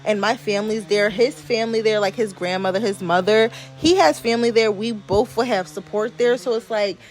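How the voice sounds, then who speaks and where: A woman's voice: medium pitch, brisk. Young American female vlogger, mid-range voice, informal and slangy, confiding voiceover with music underneath. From New Jersey and New York, USA. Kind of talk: casual chatty vlog voiceover. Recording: music playing behind the voice. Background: background music.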